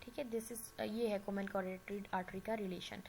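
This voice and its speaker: A woman's voice: medium pitch, steady tone, normal speed, darkish tone, poor audio. A woman with a sore throat giving an anatomy lecture, explaining patiently, checking in with her students and mixing in English medical terms. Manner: explanatory, often checks in with "theek hai". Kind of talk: recorded classroom lecture. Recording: faint background noise.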